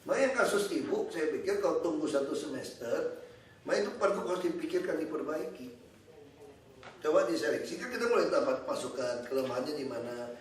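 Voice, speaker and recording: A man speaks as a government official at an informal indoor meeting. He is blunt and animated, and he often laughs between his points. His voice sits a bit high, and the room is very echoey with the mic placed far away. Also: a little fast.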